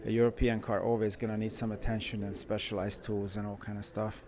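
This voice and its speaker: A man who runs a car shop, walking through a car museum and giving casual, enthusiastic commentary with frequent pauses. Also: lowish voice, little pitch movement, a little mellow. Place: indoor car museum halls.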